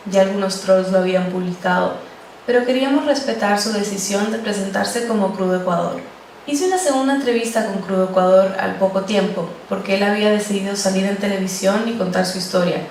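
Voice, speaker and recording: A woman's voice: medium pitch, darkish tone. Woman teaching in a roomy echo. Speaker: podcast journalism instructor. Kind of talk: teaching a talk on podcast interviews. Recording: roomy echo, distant mic, faint noise.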